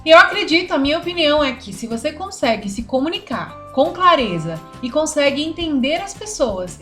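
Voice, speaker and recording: High-voiced woman with a Brasília accent. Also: a bit bright. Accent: Brasília Brazilian Portuguese. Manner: conversational, addressing the viewer directly with questions. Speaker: English teacher. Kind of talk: direct-to-viewer video lesson.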